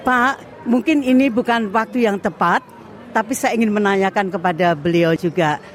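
A woman's voice: medium pitch, normal speed. A woman with an Indonesian accent interviewing guests live at an event, polite, deferential and wordy, switching between Indonesian and English. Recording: loud music and crowd behind.

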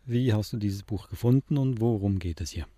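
Man, radio host, hesitant, fairly low voice, dry. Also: a little fast, dark tone, dry recording. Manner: hesitant, many fillers. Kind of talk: conversational book discussion.

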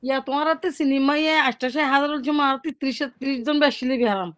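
Fast-talking Rohingya woman recounting an experience. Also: high-pitched, fairly even intonation, fairly bright tone. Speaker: interviewee recounting an eyewitness experience. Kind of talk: conversational spoken account.

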